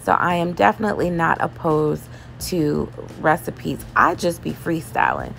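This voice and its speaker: A woman chatting casually as she cooks in her home kitchen, relaxed and loose, with laughs and fillers. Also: low-pitched, a little slow, gravelly, slight background noise. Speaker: home cooking vlogger. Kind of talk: casual cooking voice-over.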